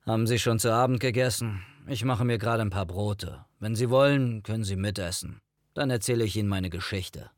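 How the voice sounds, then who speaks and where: A man's voice: fairly low pitch, a little fast, no room sound, close to an everyday voice. A man doing a curt, weary man in his sixties. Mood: gruffly hospitable. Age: 60s. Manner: curt, dry, resigned. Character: gruff, suspicious, weary man past sixty.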